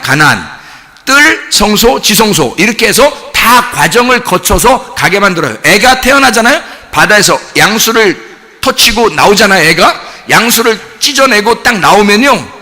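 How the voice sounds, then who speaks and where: A man preaching a sermon, animated and playful, putting questions to the congregation and answering them himself. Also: sits high. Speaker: pastor. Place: church. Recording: church hall with long reverb.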